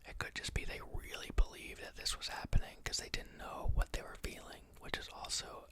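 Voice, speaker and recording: With a soft whisper that never hurries, an ASMR host who teaches reads aloud from a book, then thinks out loud, pausing often and leaning on fillers.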